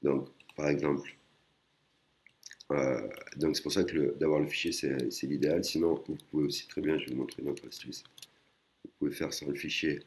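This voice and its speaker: A man with a very deep, gravelly voice teaches in a relaxed, hesitant way and keeps restarting his sentences. He explains each point patiently and adds little tag words as he goes. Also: moderate pace. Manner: hesitant, many fillers and restarts. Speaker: language teacher. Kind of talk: casual screen-recorded lesson.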